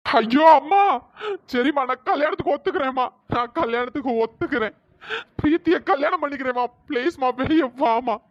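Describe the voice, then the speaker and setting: A desperate, exasperated young cartoon husband, voiced by an actor, wailing and pleading. His pitch-raised voice sits high, recorded dry with slightly dull, lo-fi sound. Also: brisk, no room sound. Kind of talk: cartoon drama dialogue.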